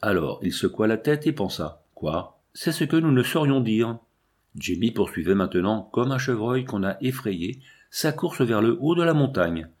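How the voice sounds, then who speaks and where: Low-voiced man reading a literary audiobook. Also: darkish tone. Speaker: audiobook narrator.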